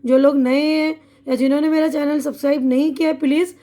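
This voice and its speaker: A woman with an Urdu accent giving an online English lesson, reading words slowly and patiently, each with its translation. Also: sits high, fairly even intonation, dark tone. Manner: slow, patient word-by-word drilling with translations. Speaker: English teacher.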